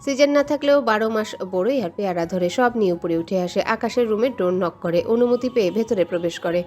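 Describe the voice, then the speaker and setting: With background music under her voice, a woman narrates a scripted romantic story dramatically. She speaks fairly quickly in a mid-range, darkish voice.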